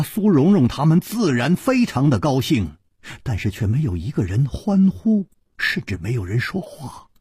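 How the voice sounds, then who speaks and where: A man narrating a martial-arts novel in slow, dramatic storytelling style. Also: on the low side, mellow, husky, no room sound, clean studio sound. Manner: slow, wide-ranging dramatic delivery.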